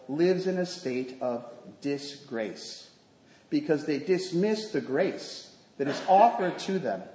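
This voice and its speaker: A male priest preaching a sermon, telling a story in a gentle, measured way. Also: on the high side. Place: church. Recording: echoey church with long reverb.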